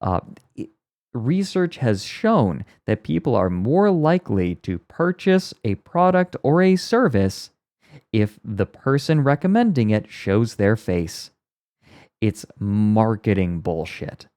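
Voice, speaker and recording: A low-pitched man chats casually while reacting to a video, rambling through explanations and dropping wry asides. His mellow, dark voice is muffled and close because he records beneath a blanket, which kills the room sound and leaves the audio very dry. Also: very animated, takes it slowly, no room sound. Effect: muffled under a blanket for sound deadening. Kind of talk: casual stream chat. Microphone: close mic inside a blanket fort.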